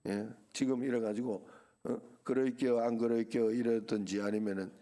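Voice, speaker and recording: A man's voice: mid-range voice, level tone, moderate pace, dark tone. A middle-aged male pastor with a Gyeongsang accent, preaching a Sunday sermon in a conversational way, full of rhetorical questions and asides. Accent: Gyeongsang Korean.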